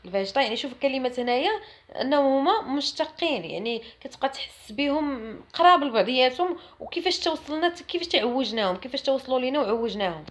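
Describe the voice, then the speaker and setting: Fast-talking woman with a Moroccan accent. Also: high-pitched, animated, a little hiss or hum. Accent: Moroccan Arabic. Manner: chatty and emphatic, mimics others mockingly. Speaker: French teacher. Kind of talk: casual lesson to camera.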